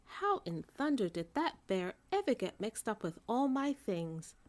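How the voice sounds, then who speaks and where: Gentle, thoughtful young artist fellow for a kids' storybook, musing aloud female reader doing him. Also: on the high side, big pitch swings, measured pace. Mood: baffled.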